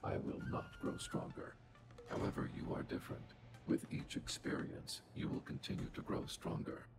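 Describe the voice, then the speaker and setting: An actor playing an old, outdated robot in a video game, calm and coldly logical, speaking formally through a robotic filter. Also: male voice, very high-pitched, moderate pace, gravelly, full character voice. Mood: solemn, analytical. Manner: formal, literal, calculating speech. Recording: loud game music behind. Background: game music.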